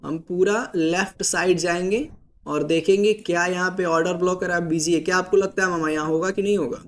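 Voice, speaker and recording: A man's voice: sits high, fairly even intonation, brisk, fairly bright tone. A man hosting a casual stock market chart walkthrough, patiently explaining and checking in with his listener. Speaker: market analysis host.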